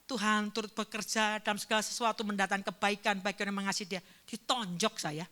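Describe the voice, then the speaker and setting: A woman pastor preaches a sermon at a church service, telling a personal story with emotion and swinging between fervent and hushed speech. Her voice is mid-range, her delivery flat, her pace quick.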